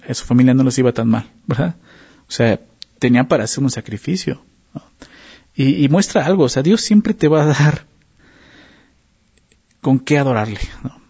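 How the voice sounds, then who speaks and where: Gravelly-voiced man preaching a sermon. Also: medium pitch, warm tone. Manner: conversational teaching with frequent tag questions; repeats words while searching for phrasing. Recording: dull lo-fi sound.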